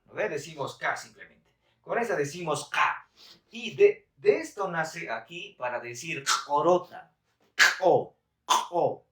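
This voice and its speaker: Man, language teacher, live stream, chatty, laughs a lot, slightly high voice, echoey room. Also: fairly bright tone, distant mic. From Bolivia. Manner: chatty, laughing, reads viewer comments aloud. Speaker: Quechua teacher.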